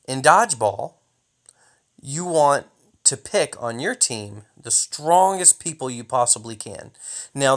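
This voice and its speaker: A man's voice: mid-range voice, a bit bright. A young man giving jokey, hyped-up commentary while showing replays of a mobile strategy game, often mock-taunting an imagined opponent. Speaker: gaming YouTuber.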